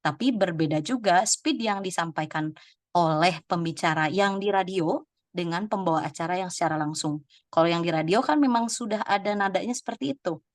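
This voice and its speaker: A woman's voice: lowish voice, brisk, dry recording, studio quality. Chatty woman presenting a teaching webinar. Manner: chatty, laughs often, calls on participants by name. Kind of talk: lively teaching talk to teachers.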